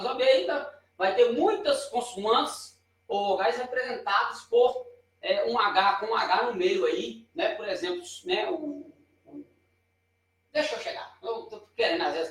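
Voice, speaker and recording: This teacher is a man with a Brazilian Portuguese accent, explaining things informally at a board while he points and corrects himself. His voice is very high with a fairly bright tone. The mic is far away, and the room echoes heavily.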